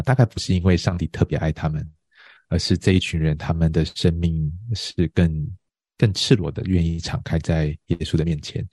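A man hosting a conversational interview, explaining things in a measured way and guiding his guest with questions. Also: a bass voice, warm tone, no room sound. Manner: measured, explanatory, frequent affirming murmurs. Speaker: interviewer, host.

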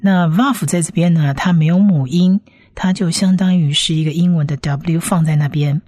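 A woman's voice: lowish voice, normal speed, warm tone, no room sound. A woman teaching a lesson step by step, patiently repeating each sound several times. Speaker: language teacher.

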